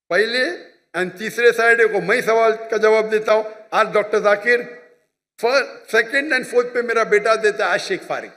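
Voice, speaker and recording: A man's voice: high voice, bright, forceful tone, long reverb tail. A man answering an audience question at a public religious talk, lecturing emphatically and often checking that he is understood. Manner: lecturing, emphatic, repeats points with "you understand?". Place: large hall with an audience.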